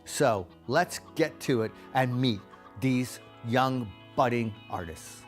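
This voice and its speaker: Male TV host, mid-pitched voice, scripted upbeat presenting, soft music behind. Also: slow pace. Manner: upbeat scripted presenting, then relaxed questioning. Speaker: show host. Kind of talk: TV talk show hosting and interviewing. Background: faint background music.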